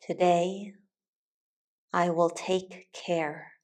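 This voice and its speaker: With a lowish voice, a female teacher leads a guided meditation. Her narration is soft and instructional, delivered calmly and deliberately in a soothing way with long pauses.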